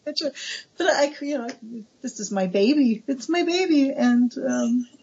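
An American woman in her forties, an author chatting warmly and eagerly in an interview, laughing often, on a dull lo-fi recording. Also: high-pitched, animated, measured pace, slightly rough. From United States. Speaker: author guest. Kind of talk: casual interview chat.

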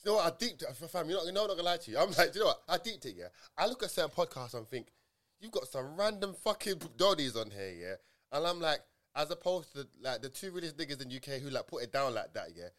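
Male podcast co-host, London roadman accent, very quick delivery, slangy and emphatic, hammering points through repetition. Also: a little high, lively intonation, fairly bright tone. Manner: repeats and rephrases points emphatically, heavy slang.

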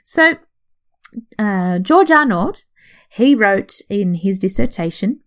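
A woman's voice: mid-range voice, animated, takes it slowly, fairly bright tone. A woman hosting an educational talk, explaining in a conversational way and sometimes correcting herself. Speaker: podcast host.

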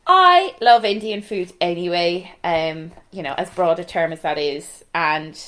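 Speaking with a west of Ireland accent from Galway, this cookbook podcast co-host keeps the conversation casual. She sounds animated, with a lowish, somewhat bright voice and a measured delivery.

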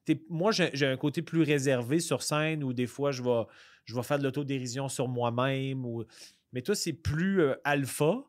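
A man with a Québécois accent chatting casually as a comedian guest on a podcast, rambling with many halting restarts. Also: medium pitch, dry recording, clean studio sound.

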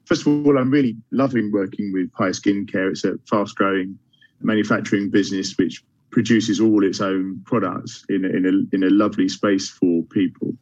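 A man's voice: fairly low pitch, steady tone, normal speed, darkish tone, no echo. A man, a finance director, cheerfully introducing himself on a panel with a few restarts. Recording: dry, dull video call audio.

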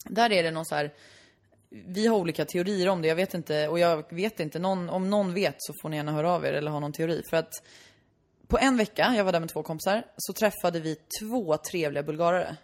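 Animated young woman telling stories. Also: on the low side. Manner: animated storyteller, acts out quotes loudly. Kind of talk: casual chat.

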